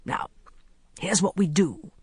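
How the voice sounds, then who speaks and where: A narrator voicing a bold young man who takes charge with quick, commanding instructions in an audiobook. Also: mid-range voice, breathy edge, no room sound. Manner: quick, commanding, grimly light. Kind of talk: audiobook character reading.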